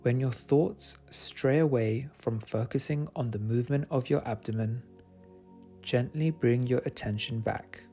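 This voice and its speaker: Gentle and in no hurry, this meditation guide leads listeners with a calm mid-range voice. His narration is set against soft meditation music.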